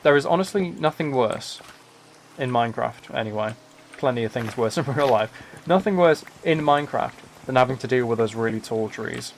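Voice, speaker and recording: The game-stream host here has a medium-pitched voice and a moderate pace, with a bit of hiss or hum on the audio. He chats casually and meanders, offering lightly wry remarks about himself over background music.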